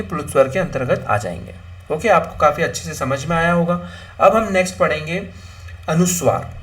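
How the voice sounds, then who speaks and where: Young male tutor, slightly high voice, repetitive question-and-answer exam-prep teaching, mixes in English. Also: fairly bright tone. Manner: repetitive, asks and answers his own questions; mixes English words into Hindi. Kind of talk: exam-prep lesson on Hindi grammar.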